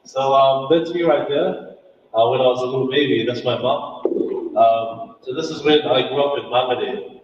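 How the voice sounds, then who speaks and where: Speaking at a moderate pace in a mid-range voice, a guest speaker from New Zealand chats casually in an event hall, laughing and making self-mocking jokes. The sound has its highs cut off and is distant, echoey, and a bit noisy.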